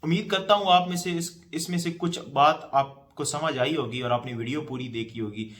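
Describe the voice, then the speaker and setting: A man's voice: a little high, fairly bright tone. A man giving casual political commentary to camera, speaking in loose run-on sentences with frequent hesitations.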